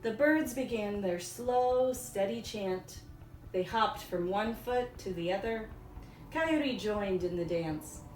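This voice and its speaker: A woman teacher reading a storybook aloud for young children, in simple, deliberate phrases. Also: mid-range voice. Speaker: elementary school teacher. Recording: echoey room, distant mic, faint noise.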